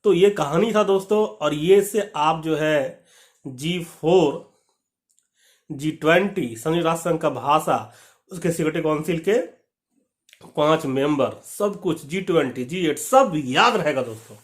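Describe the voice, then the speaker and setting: A man's voice: on the high side, unhurried. A young man teaching exam facts through a memory-trick story, acting out the characters' lines and calling his viewers friends.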